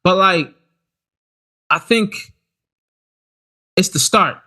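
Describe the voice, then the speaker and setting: In a high-pitched voice, a man co-hosting a podcast talks extremely slowly. The chat is casual and animated, and he often stammers and begins his sentences again.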